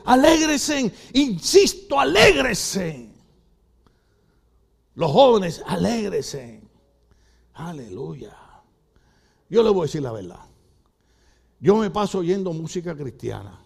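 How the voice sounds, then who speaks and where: Puerto Rican pastor, older man, animated comic sermon, bright high voice full of swings. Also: gravelly, slightly rough. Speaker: preacher. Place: church.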